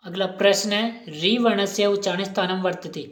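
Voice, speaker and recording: A woman's voice: mid-range voice, moderate pace. A woman teacher giving an exam-prep lesson, asking questions and repeating each answer aloud. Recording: roomy echo.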